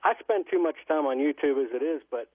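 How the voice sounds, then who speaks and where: A man's voice: on the high side, fast talker, slightly rough, dry recording. Male caller over a landline phone, rambling and folksy, dry thin phone sound. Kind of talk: casual call-in chat. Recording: tinny phone line.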